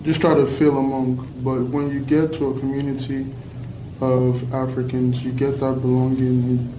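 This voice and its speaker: A man's voice: mid-range voice, monotone, normal speed. A young man from Nigeria with a Canadian-influenced accent, giving casual, reflective answers hesitantly and saying "like" often. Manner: hesitant, frequent "like". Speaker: youth panelist. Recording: echoey, distant mic, faint noise.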